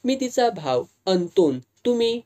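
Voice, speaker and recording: A man's voice: very high voice, very animated, a little slow, dark tone, distant mic, pitched above the performer's own voice, heavily acted. A narrator voicing a teasing fisherman of about twenty who speaks in rustic dialect, reading a serialized novel. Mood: casual. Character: cocky young fisherman, around twenty, mocking.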